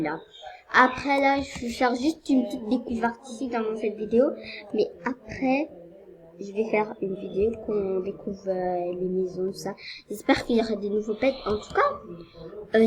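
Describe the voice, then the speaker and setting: A woman's voice: mid-range voice, a little mellow, poor audio. A woman casually commenting on a game as she plays, in a hesitant, rambling way with many fillers. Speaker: gaming video creator.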